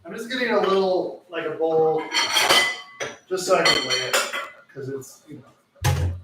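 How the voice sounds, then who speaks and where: A man's voice: fairly high pitch, animated, a little slow, echoey room, far from the mic, very noisy. A man hosting a live home cooking show, chatting casually and rambling as he cooks, often correcting himself and joking. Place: home kitchen.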